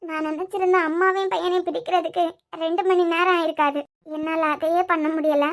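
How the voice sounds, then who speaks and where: A woman voicing a tearful, high-pitched young wife. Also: flat delivery, brisk. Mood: bitter. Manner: tearful, accusing, bitter. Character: hurt young wife confronting her husband. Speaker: wife in a cartoon serial. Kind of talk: cartoon serial voice acting.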